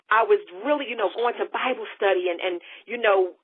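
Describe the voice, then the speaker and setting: A middle-aged woman hosting a faith talk show, speaking emphatically in an animated, testifying way and often cutting in with quick agreement. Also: mid-range voice, slightly rough. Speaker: host. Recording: tinny phone-line sound.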